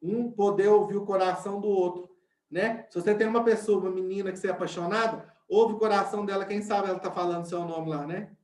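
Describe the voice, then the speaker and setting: A man's voice: sits high, steady tone, fast, a little mellow. Mineiro teacher man in an echoey room. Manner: explains step by step, often checks in with the class. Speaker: science teacher. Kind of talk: online class lesson.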